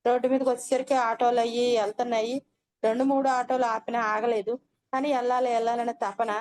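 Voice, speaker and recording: A woman's voice: a little high, little pitch movement, fast talker, a little mellow. An older woman earnestly telling her meditation experience as a personal testimony, closing her sentences with polite endings. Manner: earnest storytelling, frequent polite "andi" endings.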